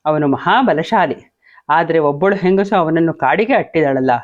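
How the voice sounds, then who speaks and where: A man's voice: on the high side, expressive, normal speed, natural voice. A man voicing a distraught young prince in an emotional reading, on a dull lo-fi recording. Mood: indignant. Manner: wailing then indignant.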